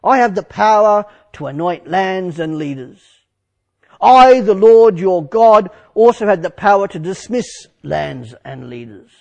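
God speaks in slow, solemn declarations, with a gravelly edge and a rise and fall to the voice, as a man puts him on. The lines are measured and reassuring, spoken within a dramatic monologue sermon. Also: high-pitched, animated, darkish tone, exaggerated voice.

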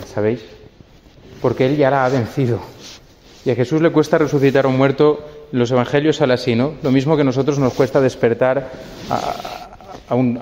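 A man's voice: medium pitch, warm tone, slight background noise. A man, a priest, giving a conversational homily at a memorial mass, often tagging his sentences with a questioning "eh?". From Spain. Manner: conversational, keeps adding a tag "eh?". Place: church. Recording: long church reverb.

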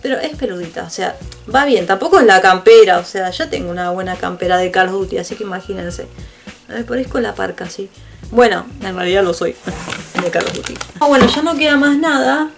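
A woman's voice: mid-range voice, animated, a little fast, vocal fry, soft background music. A woman with an Argentine Spanish accent chatting casually and rambling through an unboxing, swearing offhandedly and often laughing. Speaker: vlogger.

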